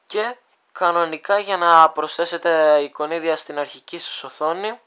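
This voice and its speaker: A speaker with a smooth, clear voice walks viewers through a phone app at a middle pitch. The delivery is halting, full of pauses and restarts while thinking aloud, and addresses the audience like friends. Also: fairly even intonation, bright, forceful tone. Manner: hesitant, thinking aloud, many fillers. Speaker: video creator demonstrating a phone app. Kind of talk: casual screen demo walkthrough.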